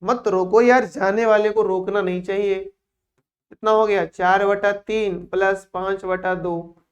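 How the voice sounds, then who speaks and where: A man's voice: sits high, level tone, unhurried, lo-fi sound. A man teaching math in a lecture, joking with his students between steps of working. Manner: playful, teasing asides between calculations. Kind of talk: classroom lecture.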